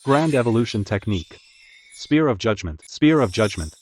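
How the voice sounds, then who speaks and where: A man's voice: mid-range voice, sing-song, normal speed. A man voicing a cold, commanding, menacing young ruler in a dramatic English drama dub. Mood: ruthless. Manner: imperious, menacing, declarative.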